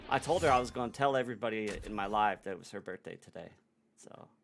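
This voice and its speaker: A man's voice: on the low side, quick pace, vocal fry, fairly bright tone. A young man streaming a game live, chatting casually to his viewers in a laid-back, slangy way. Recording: noisy background.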